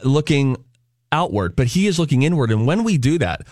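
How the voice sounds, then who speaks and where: A man's voice: medium pitch, very animated, fairly quick, darkish tone, no room sound. Earnest man on studio mic, dry sound. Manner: earnest, reflective, builds to preachy emphasis. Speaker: radio show co-host. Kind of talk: casual talk-radio chat.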